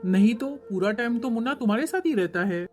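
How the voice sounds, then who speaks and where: Woman doing a gentle, mellow-voiced consoler. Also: fairly high pitch, expressive, fairly quick, faint music behind, lightly acted. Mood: soothing. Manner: soothing, advising. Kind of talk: Hindi cartoon voice acting.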